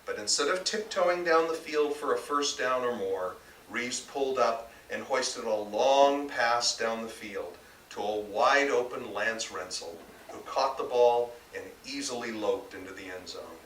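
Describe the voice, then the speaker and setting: Reading his novel aloud at a bookstore, the American author speaks a little slowly yet with hardly any pauses, in a medium-pitched, somewhat bright voice. It's a distant indoor live recording, roomy with faint noise.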